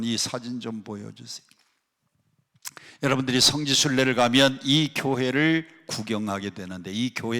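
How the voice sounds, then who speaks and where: A male pastor delivers a sermon in a medium-pitched voice, having the congregation repeat phrases after him. He swings between loud, emphatic rises and hushed, near-whispered drops. The sound carries the long reverb of a large worship hall. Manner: leads the congregation in call-and-response repetition. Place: worship hall of a prayer retreat.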